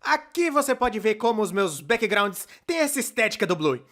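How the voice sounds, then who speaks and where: A Brazilian-accented man voices the narrator of a scripted fan dub: a young male cartoonist, chatty, excitable and playfully sarcastic, sounding enthusiastic. He speaks high and sing-song at a moderate pace, with a fairly bright tone.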